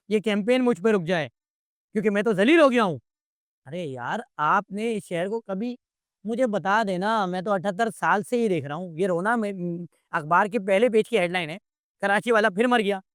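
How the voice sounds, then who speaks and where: A man with a high voice speaks as an interview guest, heated and exasperated, firing off rhetorical questions in impassioned commentary. The studio-quality recording has no room sound.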